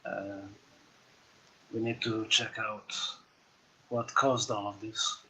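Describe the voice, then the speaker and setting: Slow, bright-voiced player man. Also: on the low side, flat delivery, rough recording. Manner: halting, many fillers, unhurried. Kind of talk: tabletop game chat.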